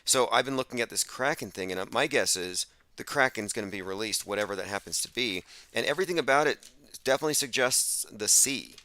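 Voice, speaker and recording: A man's voice: mid-range voice, lively intonation, fast talker, sharp tone, no echo. A man hosting a casual conversation, explaining his ideas in an earnest way. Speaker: host.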